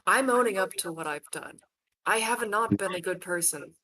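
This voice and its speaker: A woman playing a guilt-ridden, defiant adventurer in a tabletop game, speaking in a halting, confrontational, earnest way. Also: mid-range voice, expressive, bright, forceful tone, dry recording, poor audio. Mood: guilty, defiant. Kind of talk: tabletop role-play.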